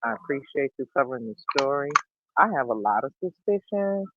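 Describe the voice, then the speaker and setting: A woman calling in to a live talk stream, muffled as if heard through a wall, speaking in a hushed, careful way while sneaking a call at work. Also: a bass voice, lively intonation, brisk, noisy background. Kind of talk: casual call-in chat. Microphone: Bluetooth headset on a phone call. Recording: muffled, tinny Bluetooth phone line.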